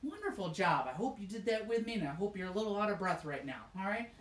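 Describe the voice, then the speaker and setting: Woman music teacher of middle pitch, patient and encouraging, recorded in a roomy space. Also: sing-song, fast. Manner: encouraging, explains step by step, sings short demonstrations. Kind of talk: recorded music lesson for children. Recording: echoey room.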